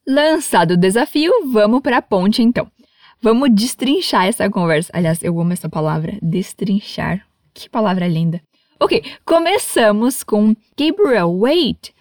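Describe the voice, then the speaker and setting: A woman's voice: on the high side, no room sound, studio quality. Encouraging Brazilian woman teaching English. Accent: Brazilian Portuguese. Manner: encouraging, patient, playful. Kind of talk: lesson for learners.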